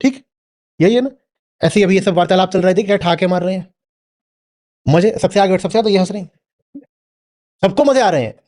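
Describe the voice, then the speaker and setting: Guy lecturing a crowd, fairly high voice, keeps poking them with questions. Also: a little fast, long pauses, a little mellow. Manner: questioning, prods listener with "hmm?". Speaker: spiritual teacher answering an audience member. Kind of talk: spoken Q&A discourse.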